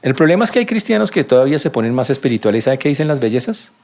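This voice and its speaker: Animated preaching man. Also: very fast. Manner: animated preaching that acts out quoted prayers in a raised voice; drops to a soft, low voice for humble prayers. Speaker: pastor. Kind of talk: sermon.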